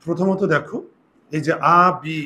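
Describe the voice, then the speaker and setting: A man teaching a grammar lesson, dictating rules slowly and checking often whether his students follow. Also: on the high side, steady tone, fairly bright tone. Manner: slow, deliberate dictation with repeated questions to students. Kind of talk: classroom lesson.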